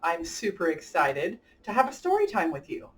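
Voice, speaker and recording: Reading a picture book and chatting with kids at story time, a woman addresses her young listeners directly and with enthusiasm. Her voice sits on the low side, swings hugely in pitch, and moves at a moderate pace. She's recorded from a distance.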